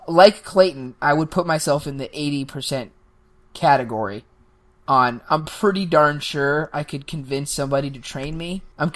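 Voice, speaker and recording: A man co-hosting a casual podcast, rambling through jokey hypotheticals in an animated way. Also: mid-range voice. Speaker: podcast co-host. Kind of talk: casual banter.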